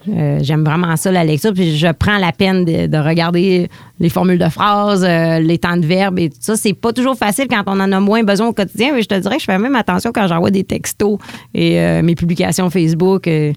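A woman in her forties from Quebec with a Quebec French accent, a comedian speaking in a relaxed, frank interview. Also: fairly low pitch, a little fast, vocal fry, no echo, clean studio sound. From Quebec (Lac-Saint-Jean). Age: 40s. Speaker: comedian guest. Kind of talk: casual interview.

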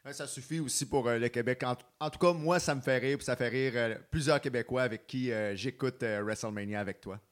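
A man with a Quebec accent hosting an interview, asking questions in a relaxed, friendly way. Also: mid-range voice, brisk, hardly any pauses. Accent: Quebec French. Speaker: podcast host. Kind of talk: casual interview chat.

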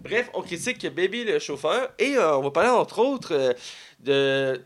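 Young male podcast co-host, Québécois accent, higher voice, rambling joker. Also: sing-song, a little slow. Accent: Québécois French. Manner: joking, rambling, frequent fillers. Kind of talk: casual chat.

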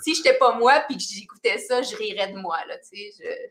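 A middle-aged woman with a Québécois accent, a singer-songwriter chatting casually in an interview, animated and self-mocking, often laughing. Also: a little high, brisk. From Quebec.

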